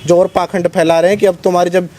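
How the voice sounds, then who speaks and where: A man speaking as a religious organisation's spokesman at a press conference, in a forceful, combative preaching tone. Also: high-pitched, flat delivery, fast talker. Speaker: Arya Samaj spokesman.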